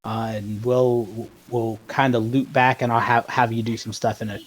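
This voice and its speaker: A man's voice: medium pitch, flat delivery, moderate pace, poor audio. A man narrating a tabletop game as game master, stopping and restarting often as he describes the scene.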